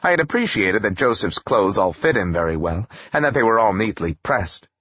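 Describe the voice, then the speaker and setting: A man narrating a first-person audiobook in a wry, expressive storytelling manner. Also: fairly low pitch, normal speed, no echo, lo-fi sound.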